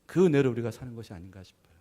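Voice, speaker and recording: Middle-aged male pastor, storytelling sermon voice, average pitch, punches key words then trails off softly. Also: animated, very fast. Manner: conversational storytelling with frequent "예" affirmations; swings between loud emphasis and soft, dropped phrases.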